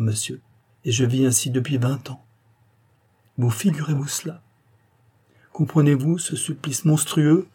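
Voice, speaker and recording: A man reading a dying mother's words in an audiobook, impassioned and pleading, with a husky voice. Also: medium pitch, warm tone, voice pushed up, close to an everyday voice. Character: dying middle-aged mother, anguished and grieving.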